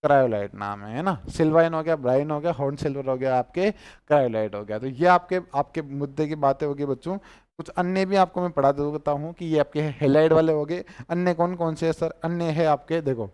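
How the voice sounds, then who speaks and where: A man with a Rajasthani Hindi accent gives a chemistry lesson in a smooth, resonant voice that sits a little high for a man. He drills his students, saying each name and asking them back again. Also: fairly quick, a little mellow. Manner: repeats each term and quizzes the students on it. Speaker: teacher. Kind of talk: chemistry class lecture.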